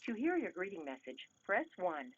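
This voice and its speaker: A woman's recorded voicemail prompts giving measured, clipped instructions, heard over a landline phone. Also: on the low side, very animated. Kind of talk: recorded system announcements. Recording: muffled phone line, faint hiss.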